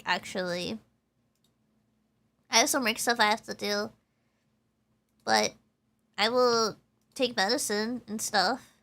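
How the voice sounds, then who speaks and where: Game music plays under a young woman's high-pitched, sharp voice as she streams her gameplay. Stuffed up from allergies, she rambles casually and leans heavily on filler words.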